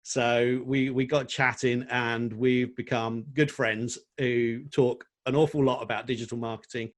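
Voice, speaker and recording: A man's voice: medium pitch, little pitch movement, measured pace. A man hosting a podcast, introducing and bantering with his guest in an enthusiastic, friendly way. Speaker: podcast host. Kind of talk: casual podcast interview.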